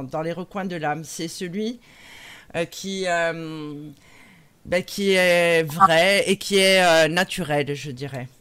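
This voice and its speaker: A woman hosting a live radio talk show, speaking with frequent hesitations and fillers. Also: fairly low pitch. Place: radio studio.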